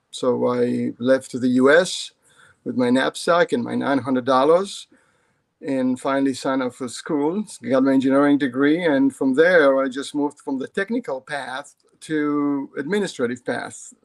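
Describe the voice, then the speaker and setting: A middle-aged man from Israel, a ceramic artist guest, telling his life story over a video call in a halting way. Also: medium pitch, fairly even intonation, gravelly. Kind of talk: casual storytelling in an interview.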